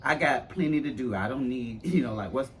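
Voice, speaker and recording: Halting man searching for words. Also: medium pitch, fairly bright tone, slight background noise. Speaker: conversation partner. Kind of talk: casual conversation.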